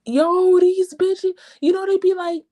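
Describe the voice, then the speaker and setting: A woman's voice: very high voice, steady tone, a little slow, warm tone. A woman from New York in a casual group chat, blunt and joking.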